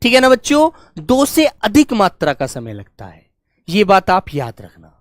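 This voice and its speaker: A man's voice: high voice, huge pitch swings, moderate pace, no echo. A man teaching an online class who keeps addressing his pupils as dear children and checks in with "okay" again and again. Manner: acts out loud calls to demonstrate.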